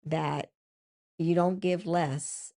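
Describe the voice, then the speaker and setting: An older woman co-hosts a podcast with her husband. She talks slowly and reflectively, often stopping and starting over, and her lowish voice has a gravelly edge. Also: fairly even intonation, mellow. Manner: hesitant, reflective, many restarts. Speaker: podcast co-host. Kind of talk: casual chat.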